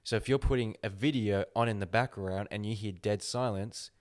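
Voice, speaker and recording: A man hosting a casual podcast chat, talking slowly and deliberately as he gives his opinions. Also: on the low side. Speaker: podcast host.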